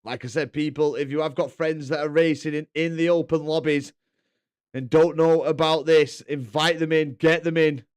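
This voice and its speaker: Hosting a racing-game stream, a British man mixes excited, emphatic race calls with relaxed, laddish chat. His smooth voice sits on the high side at a normal speed, with music running behind him.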